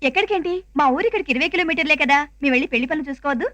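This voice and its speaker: A woman playing an affectionate middle-aged mother in a film family scene, talking briskly. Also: sits high, sharp tone, no room sound. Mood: cheerful. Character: warm middle-aged mother, lively and bantering. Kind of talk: film family drama dialogue.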